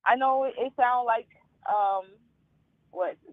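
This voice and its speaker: A woman in her twenties, calling in to a live talk show and speaking candidly, often halting and trailing off. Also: fairly high pitch, no room sound. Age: 20s. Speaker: caller. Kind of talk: call-in talk. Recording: tinny phone line.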